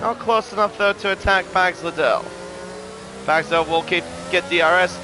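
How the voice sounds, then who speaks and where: A high-pitched man works as a motorsport commentator, calling a race live. His delivery gets excitable on the action and turns chatty between moves. Clear engine noise sits behind his voice. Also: normal speed. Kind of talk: live sim racing play-by-play commentary.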